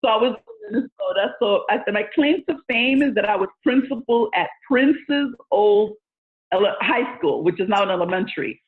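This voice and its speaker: Her voice sits in the mid range, with lively intonation and a normal speed. The woman, a U.S. education leader in her forties and a native Spanish speaker, is an interview guest giving earnest, thoughtful answers packed with fillers, heard through a tinny phone connection.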